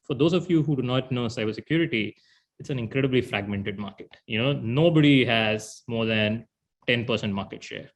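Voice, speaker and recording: A man's voice: medium pitch, brisk. Man, founder talk. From India. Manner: thoughtful, fillers of "you know". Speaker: startup founder. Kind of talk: panel interview answers.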